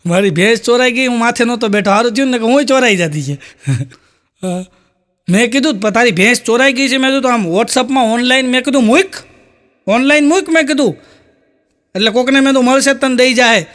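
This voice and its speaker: A man telling stand-up jokes, acting out the characters' lines in a higher voice. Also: a little fast, fairly bright tone. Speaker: stand-up comedian.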